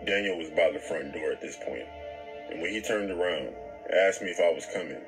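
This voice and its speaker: A man reading a scripted horror story in a calm, even storytelling manner. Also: rumbling low, brisk, rough recording. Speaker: story narrator. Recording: narration with background music. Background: music.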